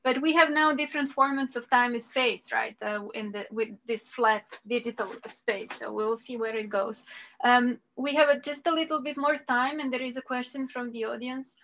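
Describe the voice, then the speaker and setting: A woman's voice: fairly high pitch, fairly even intonation, fairly bright tone, slight background noise. Serbian woman moderator, muffled sound. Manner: thoughtful, halting, repeats words. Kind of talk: conference talk and moderating.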